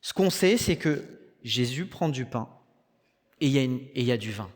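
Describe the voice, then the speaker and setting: French preacher in a reverberant church. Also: male voice, mid-range voice, expressive, normal speed. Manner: conversational, joking asides. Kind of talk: sermon. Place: church hall.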